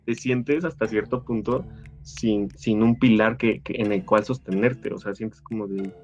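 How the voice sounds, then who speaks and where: A man's voice: on the low side, measured pace. A man, reflecting and thinking aloud in casual chat. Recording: slightly muffled, faint music.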